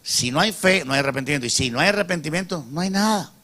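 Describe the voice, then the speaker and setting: A man's voice: fairly high pitch, lively intonation, quick pace. Emphatic male pastor preaching. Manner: emphatic, calls out "amen" and rhetorical questions to the congregation; swings between soft asides and loud emphatic peaks. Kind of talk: preaching a sermon.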